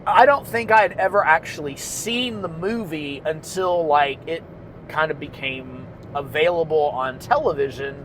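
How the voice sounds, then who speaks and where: A man's voice: fairly high pitch, normal speed, fairly bright tone, a little hiss or hum. A man with a Southern accent hosting a podcast, telling stories in a rambling, casual way with the odd swear word. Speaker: podcast host. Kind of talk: casual chat.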